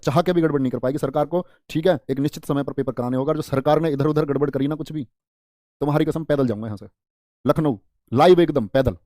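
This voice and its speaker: Man teaching a lively spelling class. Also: a little high, no echo, clean studio sound. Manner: colloquial, playful, addresses viewers as "mera lal" and "bhaiya". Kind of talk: live online Hindi spelling class.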